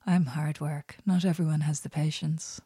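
A woman voicing a soft-spoken, affectionate young woman with a soft, warm way of talking. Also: sits low, fairly even intonation, moderate pace, breathy edge, no room sound, studio quality.

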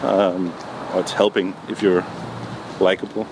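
A man answering interview questions in a relaxed, hesitant way, with many ums and restarts. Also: low voice, unhurried. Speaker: music producer guest. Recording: noisy background.

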